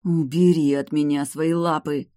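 A woman's voice: low voice, steady tone, unhurried, mellow, dry recording. A woman voicing a young vampire heroine who talks curtly and sarcastically, with cold irritation, in a dry-sounding reading.

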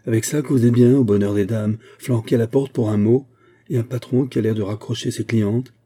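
A man's voice: fairly low pitch, moderate pace, dark tone, breathy edge. A man reading aloud, voicing a touchy, gossipy young male salesman in a storybook. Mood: indignant.

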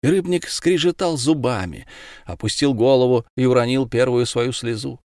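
A man narrating a storybook in an expressive reading. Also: mid-range voice, normal speed, no room sound, studio quality. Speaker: audiobook narrator. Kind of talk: scripted narration.

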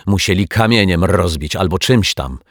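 A man's voice: expressive, normal speed, no room sound, clean studio sound. A man voicing a grumpy, scolding elderly widow neighbor who nags indignantly. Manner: nagging, indignant, shrill.

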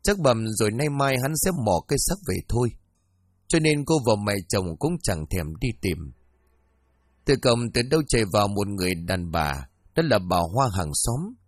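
A man narrating a village short story in an expressive reading voice. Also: fairly low pitch, moderate pace, dry recording. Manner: expressive, rising and falling reading.

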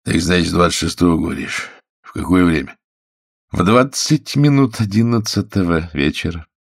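A man voicing a hungover male thief who speaks in a hoarse, half-whispered voice, weak and pleading, in underworld slang. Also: low voice, animated, moderate pace, no echo, studio quality, heavily acted. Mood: wary.

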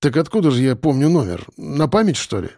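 A man's voice: mid-range voice, very animated, fairly quick, a little mellow, no room sound, clean studio sound. A man reading an audiobook voices a brash fourteen-year-old boy who brags and talks back. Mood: cocky.

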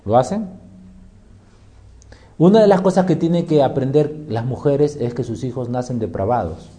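A man's voice: on the high side, mellow. A man preaching a sermon, emphatic, firing rhetorical questions and answering them himself.

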